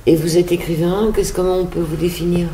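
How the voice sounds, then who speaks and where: A woman's voice: lowish voice, flat delivery, fairly quick, mellow, echoey room, a little hiss or hum. A woman hosting a radio interview, asking questions in a conversational, slightly hesitant way. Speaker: radio host.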